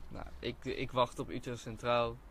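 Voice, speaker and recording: A young man tells an awkward dating story in casual, loose talk, swearing offhandedly. His voice sits at an ordinary middle pitch. There is a faint hiss of noise behind him. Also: level tone, normal speed, a bit bright. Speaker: podcast guest. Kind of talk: casual chat.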